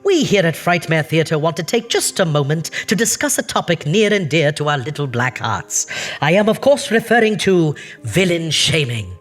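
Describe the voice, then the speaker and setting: A man's voice: fairly high pitch, big pitch swings, normal speed, soft background music. A man hamming up a campy spooky horror host. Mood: hammy. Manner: campy, theatrical, melodramatic. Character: theatrical spooky male horror-show host, campy and hammy. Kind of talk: comedy horror-host sketch.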